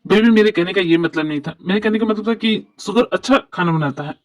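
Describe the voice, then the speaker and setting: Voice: medium pitch, quick pace, close to an everyday voice. A dubber voicing a joking, henpecked middle-aged father, in an amateur fan dub. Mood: sheepish. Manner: sheepish, joking.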